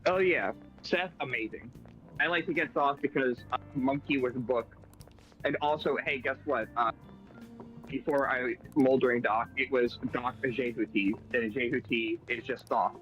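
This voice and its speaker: A man's voice: medium pitch, normal speed, fairly bright tone, highs cut off, soft background music. A man chatting casually while playing a game, hesitant with many fillers and restarts. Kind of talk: casual gaming chat.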